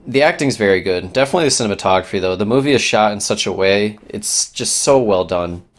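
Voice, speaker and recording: A man co-hosting a casual podcast, excitable and swearing, often trailing off mid-sentence. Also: on the low side, fast talker. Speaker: podcast co-host. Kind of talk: casual chat.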